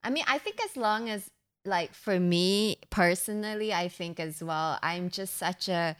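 A woman's voice: lowish voice, measured pace, a bit bright, clean tone. A woman from Singapore hosting a casual chat, musing aloud and hedging with fillers.

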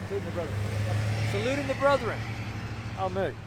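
Among city buildings, a man in his seventies preaches in a high-pitched, animated, brisk manner. The sermon is informal and rambling, his voice strong and carrying, with exclamations and phrases said again for emphasis. Outdoor traffic noise runs underneath.

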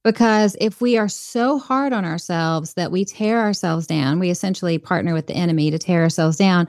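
A woman speaks earnestly and reflectively about faith and leadership as a guest in a conversational podcast interview. Her voice sits on the low side with a darkish tone, recorded at studio quality with no room sound.

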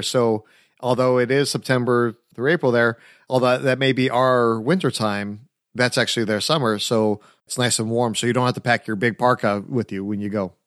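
Upbeat and eager, a mid-range-voiced man hosts a travel podcast interview, firing questions at his guest. The recording is dry with clean studio sound.

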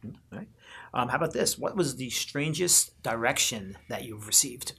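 A podcast host interviewing guests in a relaxed, jokey manner. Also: mid-range voice, normal speed, slight background noise.

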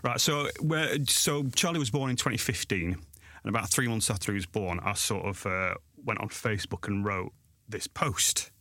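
A Sheffield man in his forties with a South Yorkshire accent, a guest author and blogger, chats in a casual interview with a lowish, pushed, bright voice at normal speed. He rambles, restarts a lot and runs himself down, with no echo on the recording.

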